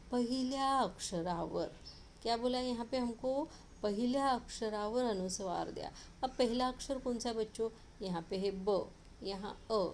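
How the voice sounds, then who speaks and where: A woman teacher, patiently explaining a lesson to children and slowly sounding out syllables. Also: medium pitch, a little mellow, slight background noise.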